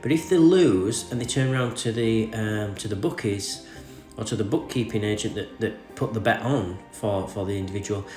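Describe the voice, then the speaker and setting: An Englishman with a lowish, slightly mellow voice speaks at a normal pace, sounding groggy, congested and sore-throated from a cold. He hosts a crypto news podcast, reading an article aloud and adding off-the-cuff commentary. The room is echoey, with soft music playing in the background.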